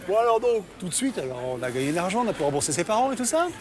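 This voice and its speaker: Male tv host, chatty and teasing, high voice, talks fast, noisy background. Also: big pitch swings. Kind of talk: casual interview.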